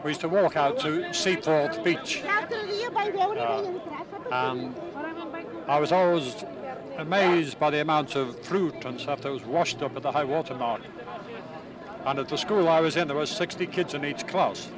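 Older man from Ireland, veteran interviewee, unhurried recollection, slightly high voice, busy outdoor crowd behind. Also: sing-song. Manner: plain, unhurried storytelling with hesitations. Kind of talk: recalling memories in an interview. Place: outdoors at a busy city gathering. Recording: distant mic, crowd noise behind.

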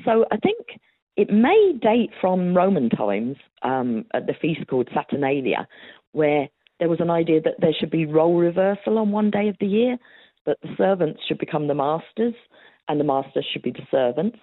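This historian guest has a low-pitched, slightly rough, sing-song voice and talks at a moderate pace. She answers interview questions in a chatty, storytelling manner, laughing often and using many fillers, on a dry, tinny phone-like line.

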